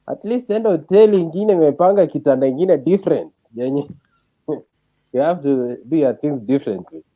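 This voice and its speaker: A man's voice: on the high side, expressive, normal speed, highs cut off. A man with a Kenyan accent chatting casually and telling stories, switching between Swahili and English. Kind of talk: casual chat, storytelling.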